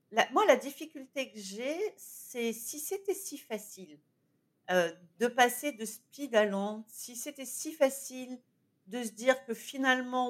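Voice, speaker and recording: A woman hosting a podcast, asking questions with hesitant restarts and repeated words. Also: fairly high pitch. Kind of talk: casual podcast conversation.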